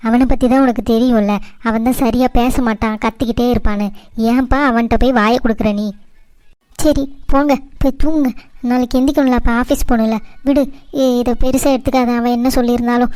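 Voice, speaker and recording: Woman playing a fretful cartoon mother, high voice, dry close sound. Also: steady tone, fairly quick, mellow, clean tone, dry recording, close to an everyday voice. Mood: soothing. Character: worried scolding mother of grown sons. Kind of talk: cartoon voice acting.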